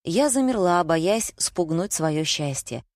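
A woman narrating a first-person story with a wry, ironic touch. Her voice sits somewhat low. The studio recording is dry and close. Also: animated, takes it slowly, darkish tone, no echo. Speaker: audiobook narrator.

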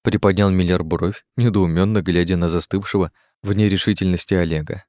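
A man narrating an audiobook in a steady reading voice, raising his pitch for the characters' lines. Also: brisk, no room sound, studio quality. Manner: reads steadily, shifts pitch for dialogue.

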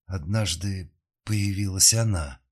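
A man voicing a frightened young woman who recalls her past slowly and haltingly under hypnosis, in an audiobook. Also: deep voice, a little mellow.

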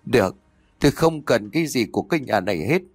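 A man's voice: medium pitch, lively intonation, fast talker, breathy edge, no echo, soft background music. A man voicing a desperate young pregnant wife, pleading in anguish in a storybook reading.

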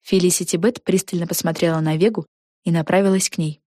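A woman narrating a children's fantasy audiobook in a lively, expressive way. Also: on the low side, fast, dry recording, studio quality. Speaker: audiobook reader. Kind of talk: storybook narration.

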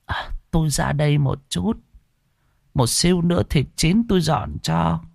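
Brief: cackling old ghost hag from a spoken horror story, played by a man, high and wheedling. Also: measured pace, vocal fry, a little mellow, no echo, clean studio sound, full character voice. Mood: evasive. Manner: cackling, coaxing. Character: sly old female flesh-eating ghost.

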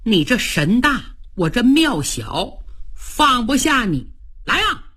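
A woman voicing a stern male army strategist who gives clipped orders in a husky voice. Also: a little high, very animated, slow, fairly bright tone, heavily acted.

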